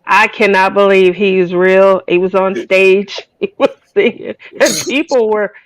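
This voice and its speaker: A woman's voice: medium pitch, fairly even intonation, a little slow, dry recording, poor audio. A woman chatting casually as a guest, rambling with lots of fillers. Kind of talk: casual chat.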